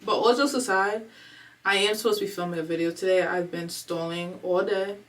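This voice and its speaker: A woman in her twenties vlogs from home, talking casually and candidly in a rambling, slangy confessional style while emotional and fighting back tears. Her voice is lowish, steady and fairly bright, and she speaks a little fast. She sits a bit far from the mic.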